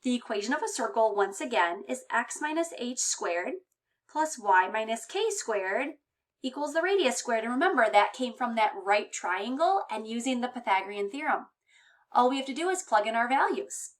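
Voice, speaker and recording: A woman's voice: on the high side, lively intonation, normal speed. A woman teaching a math lesson in a slightly raised voice. She walks through each step patiently and plainly, with frequent reminders for her students. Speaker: high school math teacher.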